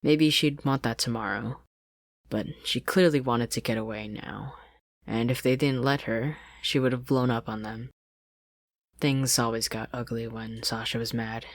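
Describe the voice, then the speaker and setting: Reading fan fiction aloud as scripted narration, this podfic narrator sits close to a dry studio-style desk mic with no echo. The medium-pitched voice keeps fairly even intonation and an unhurried pace.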